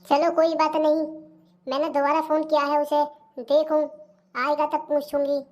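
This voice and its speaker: Bossy sly young bahu, as a voice actor puts her on, high voice, cartoon comedy. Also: monotone, moderate pace, lightly acted. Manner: bossy and sly, talks back. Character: sharp-tongued young daughter-in-law, scheming.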